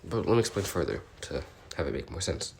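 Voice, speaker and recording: A gravelly, low-sitting male voice, very animated and fairly quick, delivers a full character voice over slight background noise. He plays an awkward, curious, bookish researcher logging species notes, and his semi-improvised in-character audio log rambles hesitantly with polite apologies, curious and musing in mood.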